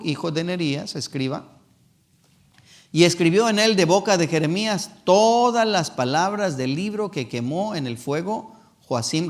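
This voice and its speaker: Male evangelist, fairly high voice, emphatic church sermon, slow deliberate scripture reading. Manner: emphatic preaching, voices imagined excuses in a raised voice; reads scripture slowly and deliberately.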